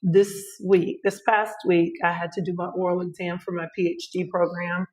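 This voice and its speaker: Lively woman co-hosting a couple's podcast. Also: on the low side, moderate pace, poor audio. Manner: lively, laughs often, animated storytelling. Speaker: podcast co-host. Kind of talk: casual couple podcast chat.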